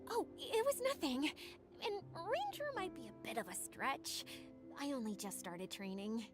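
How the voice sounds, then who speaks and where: Kind young ranger, bright high voice. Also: female voice, big pitch swings, unhurried. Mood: friendly modest. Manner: friendly, reassuring. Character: kind, modest, easygoing young trainee ranger woman. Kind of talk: video game voice acting. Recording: music under the voice.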